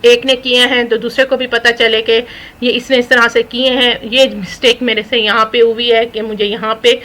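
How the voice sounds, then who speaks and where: A woman teaching an English lesson in Urdu, reading English phrases slowly and explaining each one. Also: on the high side, sharp tone, poor audio. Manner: mixes English words into Urdu. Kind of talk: recorded spoken English lesson.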